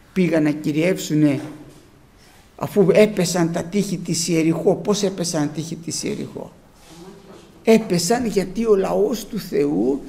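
A man's voice: high-pitched, vocal fry, darkish tone. A man preaching a sermon, retelling scripture dramatically with rhetorical questions and exhortations.

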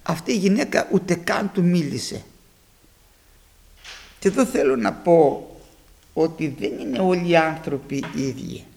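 A man's voice: on the high side, creaky, pauses often. A male preacher addressing his congregation, retelling Bible stories and acting out the voices of the people in them. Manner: animated storytelling, acting out biblical voices. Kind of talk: sermon.

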